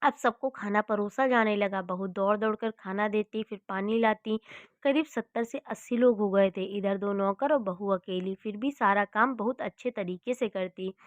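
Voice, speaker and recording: A woman narrating a family story in a slow, soft-spoken manner. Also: mid-range voice, dry recording, lo-fi sound.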